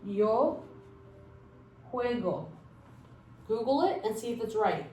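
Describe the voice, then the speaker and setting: Slow but lively in intonation, her voice on the high side and dark in tone, a Mexican woman in her 20s leads a casual spoken language lesson. She chats encouragingly, with plenty of fillers and asides. The recording sounds roomy and echoey, with faint music.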